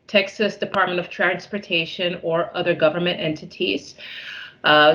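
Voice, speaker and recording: A woman introducing herself as a project manager on a virtual roundtable, speaking in a steady, businesslike way. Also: on the low side, low-quality recording. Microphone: computer mic on a video call.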